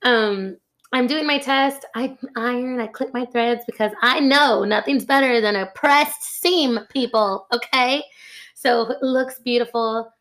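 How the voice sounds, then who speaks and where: A young woman chatting as a guest in an interview, telling a lively story, says "like" often and acts out what others said. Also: fairly high pitch, unhurried. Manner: animated, acts out quoted voices. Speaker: guest, costume pattern maker.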